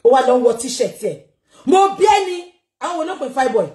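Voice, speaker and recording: A Nigerian woman with a high voice tears into her subject in a scornful commentary rant. Her mockery keeps spilling into shouts and laughter. The room around her rings with a roomy echo. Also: very animated, fairly quick. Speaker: social media commentator.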